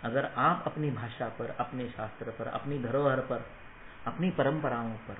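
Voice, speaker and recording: A man's voice: medium pitch, unhurried. A man giving a motivational lecture to students, emphatic and rhetorical, checking for assent and mixing Hindi with English phrases. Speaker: Ayurveda teacher. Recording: echoey room, tinny phone-like sound, faint noise.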